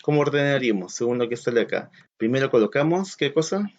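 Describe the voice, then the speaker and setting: A man gives a recorded school lesson at a middle pitch, patient and methodical. He counts aloud and poses questions to his students as he explains each step. The recording has a dull, lo-fi quality. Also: expressive, fast talker. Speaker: teacher. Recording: dull lo-fi sound.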